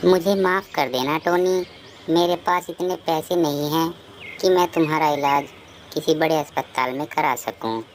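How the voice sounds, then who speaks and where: A woman voicing a gentle, worn-out male sparrow father in a cartoon, pleading and tearful. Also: low-pitched, fairly even intonation, normal speed, a little hiss or hum, close to an everyday voice. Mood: earnest. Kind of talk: cartoon voice acting.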